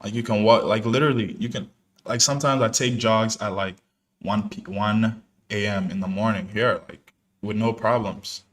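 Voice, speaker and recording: A lowish, slightly bright male voice holds a steady tone at normal speed. He's a young day trader, born in New Jersey to parents from Ghana, chatting casually through a live trading stream in a relaxed, slangy style packed with fillers.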